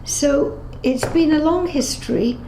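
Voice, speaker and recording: Her voice is high and mellow, delivered a little slowly. She is an Englishwoman in her eighties and Holocaust survivor giving unscripted interview testimony, recounting memories conversationally with self-corrections and acted-out dialogue. The recording features roomy echo and clear background noise.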